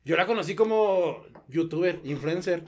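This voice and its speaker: A man's voice: high-pitched, animated, normal speed, darkish tone. A man with a Mexican Spanish accent, an easygoing podcast host who talks in hesitant, restarting sentences. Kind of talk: casual podcast chat.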